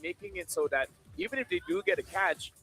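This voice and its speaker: A man's voice: high-pitched, lively intonation, fairly quick, bright, forceful tone, soft background music. A young man from Malaysia, an esports caster giving analysis on a live desk and restarting phrases as he thinks.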